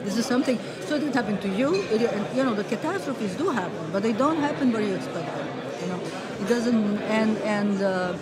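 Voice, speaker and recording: A woman's voice: mid-range voice, fairly quick. A woman in her sixties from Serbia, talking animatedly as an interview guest at a table mic, with many restarts. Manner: animated, gestures while talking, frequent restarts. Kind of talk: casual interview conversation. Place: large indoor public hall. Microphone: table microphone. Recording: busy hall with loud crowd. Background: loud crowd chatter.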